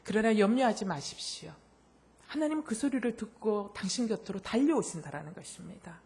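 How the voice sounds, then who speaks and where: A middle-aged woman pastor delivers a heartfelt sermon in a naturally loud voice. Her pitch rises and falls widely as she tells her story and acts out the voices in it. She drops to soft, close lines, then builds to impassioned peaks. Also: lively intonation, fairly quick. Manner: emotional storytelling, acts out quoted dialogue; swings between soft intimate lines and loud impassioned bursts. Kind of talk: sermon with personal testimony.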